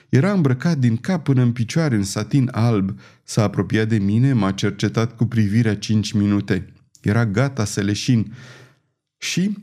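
A scheming old queen mother, bitter and grave, speaking in a slow, measured way, as a man puts her on for an audiobook. The tone is mellow and dark, and her pitch sits a little higher than the reader's own. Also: close to an everyday voice. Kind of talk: audiobook reading.

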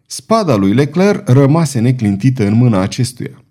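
Un narator bărbat care citește un roman de aventuri cu dramatism și intonație foarte vie. Timbrul e cald și domol, cu înălțime obișnuită. Lectura are ritmul unei cărți audio bine jucate. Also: male voice, medium pitch. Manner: expressive, dramatic storytelling. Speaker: narrator. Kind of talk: audiobook narration.

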